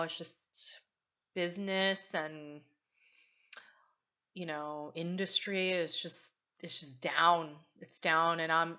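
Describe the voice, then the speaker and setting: A woman's voice: on the low side, sharp tone, muffled recording. A woman vlogger chatting casually to camera, rambling and full of fillers.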